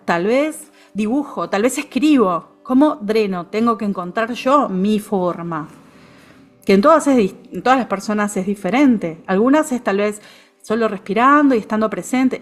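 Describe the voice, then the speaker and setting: A woman with a Rioplatense Spanish accent, a therapist guest explaining things in a calm, reflective way, often ending her phrases with a questioning tag. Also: mid-range voice. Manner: calm, reflective, frequent "¿no?" tags. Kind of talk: conversational explanation.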